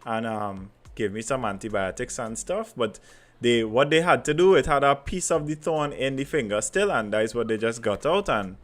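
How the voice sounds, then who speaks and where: A man with a Trinidadian accent chatting casually and telling anecdotes in animated Creole, repeating phrases for emphasis. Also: medium pitch, normal speed. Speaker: podcast host.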